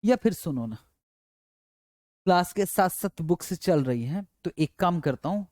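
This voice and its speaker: A man's voice: sits high, lively intonation, measured pace, darkish tone, dry recording. A male teacher lectures in a dry, close sound, walking through each step and coaxing his listeners along. He keeps repeating points and answers the questions he puts to the class himself. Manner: repetitive, coaxing.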